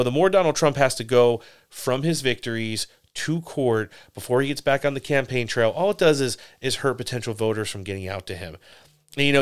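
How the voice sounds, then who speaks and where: A man's voice: mid-range voice, clean tone. A man co-hosting a podcast, giving brash, opinionated political commentary and swearing freely. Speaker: podcast co-host.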